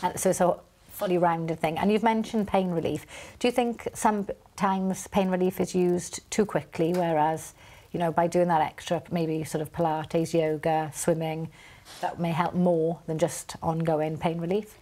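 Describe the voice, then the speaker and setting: A woman's voice: fairly low pitch, steady tone, moderate pace, dark tone. A woman in her thirties presenting a TV studio interview, friendly, often murmuring agreement as her guests talk. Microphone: lapel.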